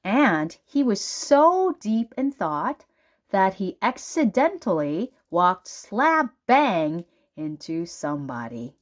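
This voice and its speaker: In a mid-range voice, a woman reads a children's book aloud very slowly and deliberately. Her intonation swings animatedly, and she lands dramatic emphasis on key words as she narrates the story.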